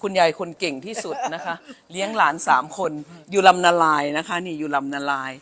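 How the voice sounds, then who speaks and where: A woman's voice: fairly low pitch, fairly quick, fairly bright tone. Woman from Thailand, school director, effusive and repetitive in her greetings. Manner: effusive, repeats phrases. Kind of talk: welcoming a grandmother on camera.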